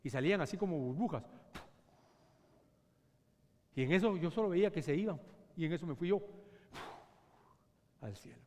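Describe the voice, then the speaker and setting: A man pastor preaching a sermon, swinging between loud cries and hushed whispers. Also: a little high, expressive, fast talker. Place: church sanctuary. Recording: long church hall reverb.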